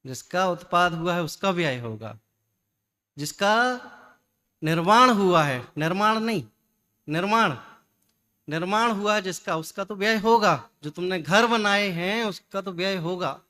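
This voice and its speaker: A man giving a religious discourse, lively and full of rhetorical questions and repetition. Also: sits high, measured pace. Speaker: Jain scholar giving a discourse.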